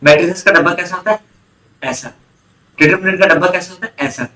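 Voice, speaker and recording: A man's voice: sits high, steady tone, fast, bright, forceful tone, reverberant, low-quality recording. A man teaching an online commerce class, often quizzing students and repeating key terms. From India. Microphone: online class recording.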